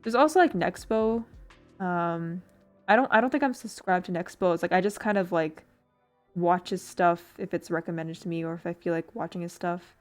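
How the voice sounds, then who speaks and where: Building a model kit on stream, a woman with a lowish voice chats at a moderate pace, rambling, giggling, filling pauses and poking fun at herself. Faint music plays behind her.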